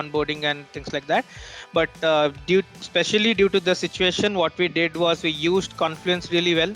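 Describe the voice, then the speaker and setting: A man from India talking about his work in a casual team meeting, with many pauses and fillers. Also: fairly high pitch, sharp tone. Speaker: team member.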